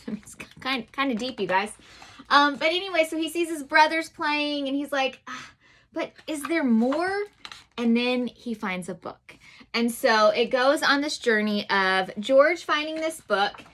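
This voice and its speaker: Bright, gushing woman chatting to viewers. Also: sits high, animated, unhurried. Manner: chatty and gushing, addresses viewers as "you guys"; frequent "um" fillers. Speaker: vlog host reviewing children's books. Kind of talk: casual chat.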